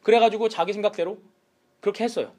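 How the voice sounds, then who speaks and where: A woman pastor preaching a sermon in an animated way, acting out quotes and slipping in English words. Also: medium pitch, fast.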